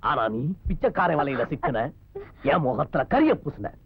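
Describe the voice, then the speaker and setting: A vengeful villainous brother. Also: male voice, on the high side, sing-song, normal speed, creaky. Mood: menacing. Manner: menacing, shouting in bursts. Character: vengeful domineering elder brother, male villain. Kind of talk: 1980s film melodrama. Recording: dull lo-fi film soundtrack with music.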